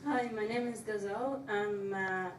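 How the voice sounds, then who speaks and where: A woman's voice: medium pitch, fairly even intonation, normal speed. A woman in her twenties, a college student briefly introducing herself to an audience. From Palestinian born in Syria. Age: 20s. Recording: distant, echoey room with clear noise.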